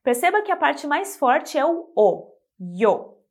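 A woman teaching a scripted pronunciation lesson, speaking clearly and slowing down to model example words. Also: high voice, sing-song. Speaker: Spanish teacher.

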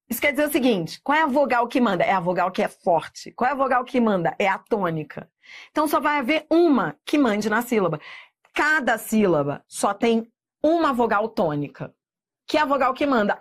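A woman teaching Portuguese grammar in a video lesson, lively and emphatic, drawing out example words and checking in with the viewer. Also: fairly high pitch. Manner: asks rhetorical checks to the viewer.

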